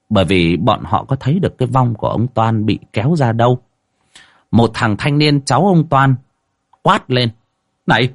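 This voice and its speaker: A male storyteller reading a ghost story, his husky, low voice swinging widely in pitch as he dramatizes each scene. The sound is dry and close, with no room around it. He acts out all the characters himself. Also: no room sound.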